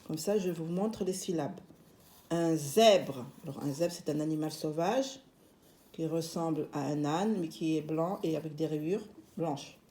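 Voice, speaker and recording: A woman teaching young children to read, slowly repeating each word with patient explanations. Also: low voice, mellow. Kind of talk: phonics lesson for young children.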